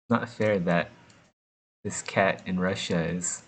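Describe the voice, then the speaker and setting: There's background noise as a US artist chats casually on a sculpting stream, his low voice moving slowly. He jokes around while working and laughs frequently between his meandering tangents.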